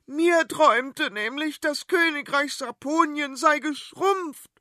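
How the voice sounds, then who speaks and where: A man voicing a shrill, imperious, self-righteous queen in a children's radio story. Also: slow pace, bright, forceful tone, dry recording, studio quality, full character voice. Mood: indignant. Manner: shrieking, indignant.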